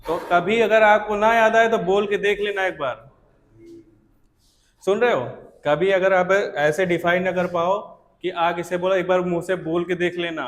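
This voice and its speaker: A man's voice: high-pitched, fairly even intonation, moderate pace, in a large hall. A male teacher giving a classroom lecture, saying sounds aloud to show them and often asking whether the students follow.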